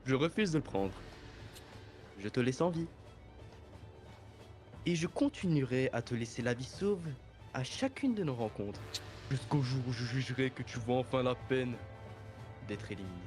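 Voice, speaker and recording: A man's voice: medium pitch, sing-song, normal speed, long pauses, a little mellow, faint music behind, close to an everyday voice. A man voicing an anime dub of a composed, menacing villain, speaking formally and theatrically. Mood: cold, menacing. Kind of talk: French anime dub parody, scripted villain monologue.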